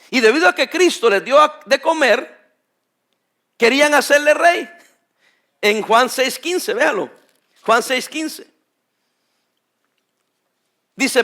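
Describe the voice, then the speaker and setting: A male pastor preaching a sermon, emphatic and addressing the congregation directly as brothers, often pausing so they can finish his phrases. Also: very high voice, fairly bright tone.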